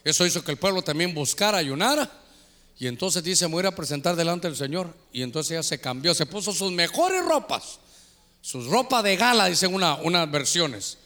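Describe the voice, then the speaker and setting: Animated, high-voiced preaching pastor, man. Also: brisk, long reverb tail. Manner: animated preaching with call-and-response; tells humorous anecdotes. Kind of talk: sermon.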